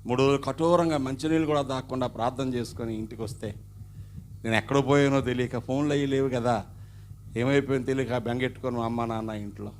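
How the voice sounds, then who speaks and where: A middle-aged man, preaching a sermon as a pastor and telling his own story. He swings from loud passages to hushed ones. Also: mid-range voice, slight background noise. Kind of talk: sermon with personal testimony.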